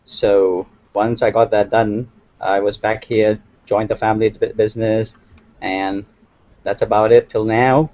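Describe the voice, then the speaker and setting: A young man from Thailand answering interview questions in a hesitant, soft-spoken way. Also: fairly low pitch, fairly even intonation, measured pace. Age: young adult. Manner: hesitant, many fillers and restarts, soft-spoken. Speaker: interview guest, hotel owner. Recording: dry, slightly dull audio.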